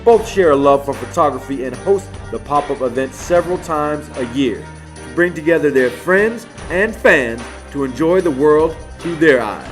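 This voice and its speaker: A man's voice: on the high side, animated, moderate pace. A man giving scripted, upbeat news narration as host of a local music show, speaking over a voice-over.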